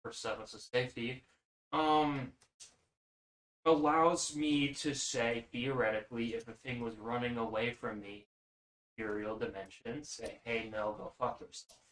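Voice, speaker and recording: A man's voice: mid-range voice, fairly even intonation, a little slow, fairly bright tone. A man playing a tabletop game, teasing his friends and swearing casually. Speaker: player. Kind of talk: joking table banter. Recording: roomy sound.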